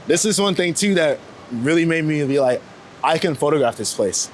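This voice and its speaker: Here a young Floridian street photographer speaks in a fairly high, lively voice at a moderate pace, reflecting casually in an interview. His American speech is loose and slangy, and the recording, made outdoors on New York streets, carries traffic ambience and passing cars.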